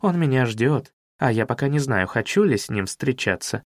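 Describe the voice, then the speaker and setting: Man voicing a low, teasing young woman detective. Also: lively intonation, normal speed, no echo, studio quality, natural voice. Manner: teasing, bossy. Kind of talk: audiobook character voice.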